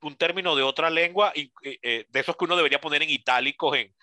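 A Venezuelan man explains a point in casual talk, pausing and correcting himself as he goes. His voice is bright and tense and sits a bit high. The sound is close and dry. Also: no room sound. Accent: Venezuelan Spanish. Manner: thoughtful, explains with restarts and self-corrections. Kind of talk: casual conversation about spelling.

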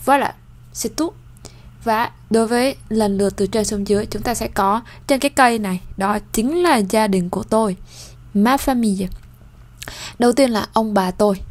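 A woman gives a bilingual language lesson with a voice of ordinary pitch for a woman. She pronounces each French word slowly and clearly, repeating it for learners. Between drills she explains in plain, steady talk. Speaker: French teacher.

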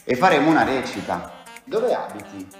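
A woman's voice: extremely low pitch, big pitch swings, moderate pace. A woman playfully questioning a child in a mock casting, teasing and encouraging. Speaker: interviewer of children. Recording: very echoey room with faint music.

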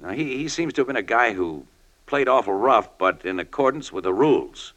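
An actor in a 1940s style radio drama playing a shrewd, cool American newspaper crime photographer who talks in slangy, needling lines. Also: male voice, mid-range voice, expressive, fairly quick, a bit bright, close to an everyday voice. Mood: confiding, intent.

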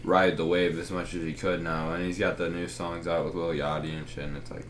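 A man's voice: low voice, flat delivery, brisk, a little hiss or hum. A young man chatting casually with friends, laid-back and swearing freely. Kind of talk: casual chat among friends.

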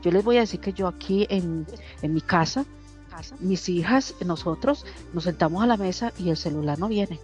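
A woman's voice: lowish voice, moderate pace, faint music behind. A woman telling everyday stories in a casual group discussion, acting out other people's dialogue as she goes. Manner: lively storyteller who acts out quoted dialogue. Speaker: discussion participant.

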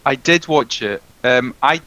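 A man co-hosting a podcast, chatting casually with a joking, animated manner. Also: mid-range voice, rough recording. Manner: joking, animated, quick asides. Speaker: podcast co-host. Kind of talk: casual chat.

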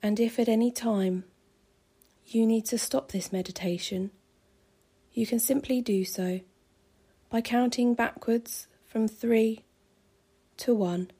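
A woman calmly guiding a pregnancy relaxation meditation with slow, soothing, measured phrasing. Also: mid-range voice, breathy edge. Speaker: meditation guide.

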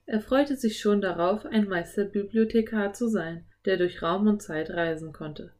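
Woman narrator, children's audiobook, even and clear, mid pitch. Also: measured pace.

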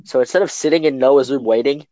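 A man's voice: medium pitch, fast talker, warm tone, a little hiss or hum, poor audio. A teenage boy co-hosting a podcast, telling a long rambling story full of fillers and acted quotes in casual chat. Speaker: podcast co-host.

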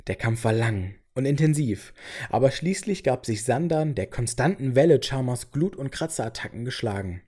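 A man's voice: medium pitch, expressive, moderate pace, dark tone, breathy edge. A man reading a game storybook chapter aloud as the narrator.

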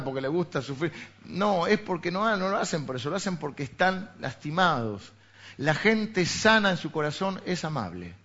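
A man's voice: fairly high pitch, fairly bright tone. A man with a Rioplatense Spanish accent, a pastor giving a sermon in a conversational way, full of rhetorical questions. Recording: dull lo-fi recording.

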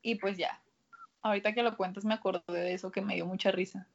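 A woman's voice: medium pitch, steady tone, fast talker, a little hiss or hum. A young woman with a Mexican accent, chatting casually and telling her side of a story in slang. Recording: dull lo-fi sound.

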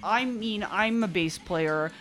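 A woman co-hosting a podcast, a bass player in casual music chat, enthusiastic and quick to agree. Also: a bit bright.

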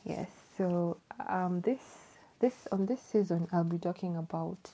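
Hesitant woman with a dark husky voice. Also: lowish voice, a little slow, low-quality recording. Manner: hesitant, repeating herself with fillers. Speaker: podcast host. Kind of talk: casual chat to listeners.

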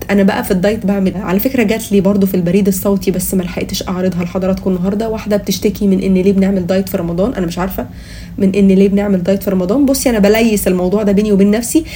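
A woman with an Egyptian Arabic accent hosts a casual comedy podcast. She talks quickly in a soft, relaxed tone with a mock-serious, playful delivery. Some ambient noise sits behind her. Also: mid-range voice. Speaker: podcast host.

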